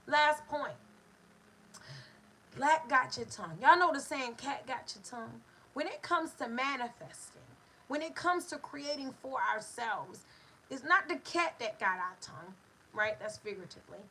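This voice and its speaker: A woman's voice: sits high, bright, forceful tone, a little hiss or hum, rough recording. A woman hosting a motivational live-stream talk about manifestation, speaking in an emphatic, preachy way with repeated call-and-response phrases.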